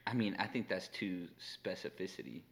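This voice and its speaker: A man's voice: low-pitched, moderate pace, gravelly, a bit bright. A man being quizzed by his wife, answering in a dry, offhand, mumbling joking way. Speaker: host's husband, quiz contestant. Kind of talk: casual chat.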